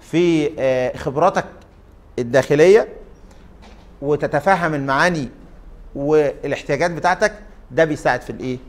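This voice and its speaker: A man with an Egyptian Arabic accent lectures to a class in a fairly high voice. He keeps tossing questions to the students and drags out his fillers while he thinks. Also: fairly quick, long pauses. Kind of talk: interactive lecture.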